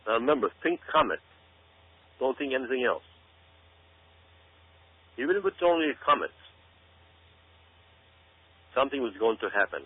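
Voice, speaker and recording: His medium-pitched voice carries a breathy edge as this guest commentator delivers a dramatic monologue to listeners, stressing points by repeating them. The sound is tinny and phone-like, like radio, with a hum.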